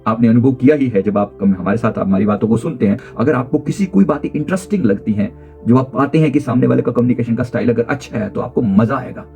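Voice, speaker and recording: An emphatic male life coach delivers a motivational lesson in a mellow, warm voice. He repeats key phrases and swings his pitch and pace up and down as he demonstrates. Soft music plays faintly under him. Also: fast talker, gravelly. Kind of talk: motivational talk on communication skills.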